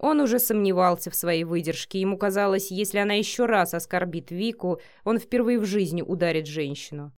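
A woman narrating a romance audiobook in an expressive, even storytelling manner. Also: mid-range voice, brisk, few pauses.

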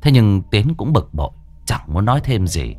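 A man's voice: lowish voice, very animated, moderate pace, a little mellow. A man narrating an audio story in a dramatic, earthy, colloquial way.

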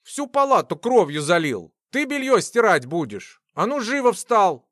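A man's voice: sits high, big pitch swings, a little slow, a bit bright, no room sound, clean studio sound, exaggerated voice. A man voicing a small, fierce young nurse who scolds indignantly in an audiobook. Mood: scolding.

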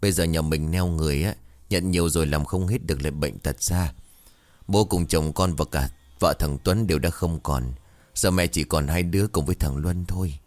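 A man voicing a young widowed woman who speaks gently and soothingly to her mother-in-law. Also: deep voice, moderate pace, dry recording, lightly acted. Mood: gentle.

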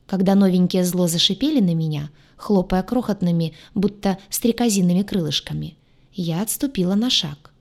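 A woman reading a first-person science fiction audiobook aloud, with a lively, ironic storytelling manner. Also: fairly low pitch. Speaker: audiobook narrator.

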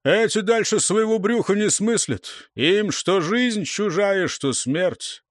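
A man's voice: high-pitched, lively intonation, slow, dry recording, studio quality, pitched above the performer's own voice, heavily acted. A man voicing a bilious, scornful sneerer. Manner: spiteful, contemptuous. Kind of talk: audiobook character voice.

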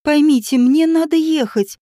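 A woman's voice: sits high, expressive, normal speed, mellow, dry recording, studio quality. A woman voicing an anxious woman who pleads and hurries to get away. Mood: pleading.

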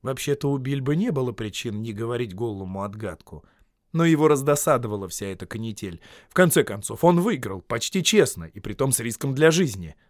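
A man reading a fantasy tale aloud as an audiobook, with expressive storytelling and dramatic shifts in loudness. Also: mid-range voice, a little fast, dry recording, studio quality. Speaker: audiobook reader. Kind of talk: scripted narration.

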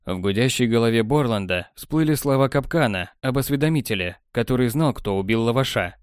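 A man narrating an audiobook in an even, measured storytelling voice. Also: medium pitch, clear, resonant tone, no room sound. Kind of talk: scripted narration. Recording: dry close studio sound.

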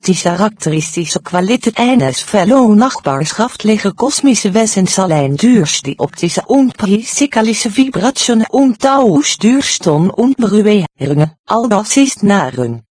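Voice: medium pitch, sing-song, a little slow, few pauses, darkish tone, dry recording. A computer-generated voice of unclear sex reading scripted audiobook narration, with stilted phrasing and odd pronunciations. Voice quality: synthetic computer voice. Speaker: audiobook reader.

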